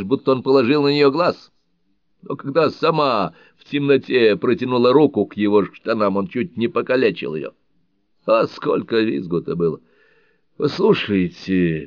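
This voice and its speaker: A man reading an audiobook thriller, voicing a scornful, blunt middle-aged man who talks loudly and mockingly, on a dull lo-fi recording. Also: lowish voice, creaky, no room sound. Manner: loud, mocking, provocative.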